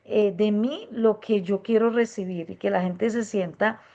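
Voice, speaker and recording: Earnest woman, soft and hesitant. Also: mid-range voice, fairly even intonation, measured pace. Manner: earnest, reflective, many hesitant fillers; speaks softly and gently on purpose. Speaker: workshop participant. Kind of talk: spontaneous testimony. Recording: muffled dull recording.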